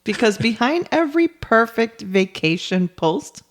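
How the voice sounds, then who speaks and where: A woman co-hosting a casual podcast, telling family stories in an animated way and laughing often. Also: on the high side, measured pace. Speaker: podcast co-host. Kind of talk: casual chat.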